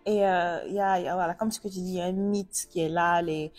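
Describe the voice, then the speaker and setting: A woman's voice: lowish voice, fairly even intonation, quick pace, a little mellow, faint music behind. A woman from Africa hosting a casual interview, chatty and asking long, rambling questions. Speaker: host.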